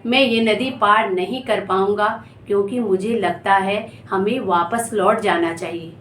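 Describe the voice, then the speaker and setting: A woman's voice: mid-range voice, measured pace, a bit bright, close to an everyday voice. Timid, earnest young disciple played by a woman, echoey. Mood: fearful. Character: timid, trusting male disciple of a guru. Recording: echoey room, faint background noise.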